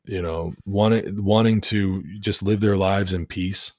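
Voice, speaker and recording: A man's voice: deep voice, steady tone, measured pace, darkish tone, no room sound, studio quality. A man hosting a casual livestream chat, rambling with many restarts and fillers. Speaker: host.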